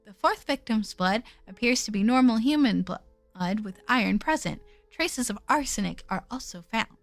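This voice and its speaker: Woman reading as a measured, studious lady investigator. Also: a little high, expressive, no echo, soft background music, pitched below the performer's own voice. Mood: pensive, analytical. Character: studious, pensive investigator of fairy deaths. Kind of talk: reading a visual novel aloud.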